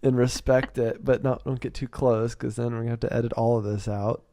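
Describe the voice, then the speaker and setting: A man hosts a podcast in a relaxed back-and-forth, joking and laughing often. His voice sits mid-range for a man, and the sound is dry and close. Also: mid-range voice, brisk, dry recording. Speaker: podcast host. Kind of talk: casual chat.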